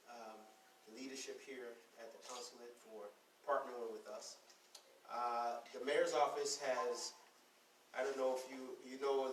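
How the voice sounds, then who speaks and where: A man from Guyana, a city official, giving a conversational public presentation to business owners with plenty of fillers and repeated words. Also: medium pitch. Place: consulate meeting room. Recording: echoey room, distant mic, background noise.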